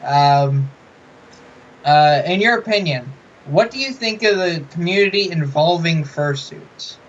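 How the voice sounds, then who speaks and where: A man hosting an interview, asking questions in a soft, slightly mumbling, hesitant way from inside a fursuit head. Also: on the high side, lively intonation, unhurried. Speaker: interviewer, channel host. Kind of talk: casual interview. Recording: muffled, dull audio with hiss.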